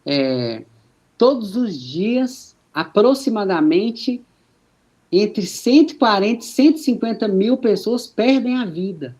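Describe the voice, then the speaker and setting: A man preaching a sermon, slow and emphatic with many rhetorical questions. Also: high-pitched, lively intonation, darkish tone.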